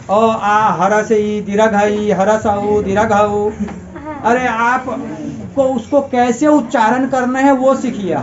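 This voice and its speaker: A man's voice: sits high, muffled recording. A male teacher giving a grammar lesson to a class. He keeps asking questions and repeating the answers as drills.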